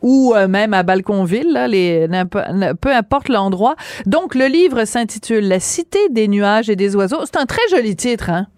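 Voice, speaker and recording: A woman's voice: medium pitch, no room sound, studio quality. A woman with a Québécois French accent hosting a radio talk show, chiming in and laughing easily. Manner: lively, quick to laugh and chime in. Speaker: radio host.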